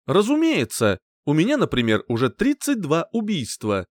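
A man's voice: fairly high pitch, wildly swooping pitch, moderate pace, no echo. A man voicing a cheerful, cocky young knight who teases with a grin, in a dry audiobook reading. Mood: curious. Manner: teasing, playful grin in the voice.

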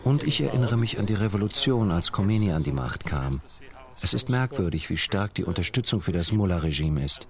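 A man reading a documentary voice-over in a measured, plain manner. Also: low-pitched, sing-song. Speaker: voice-over translator.

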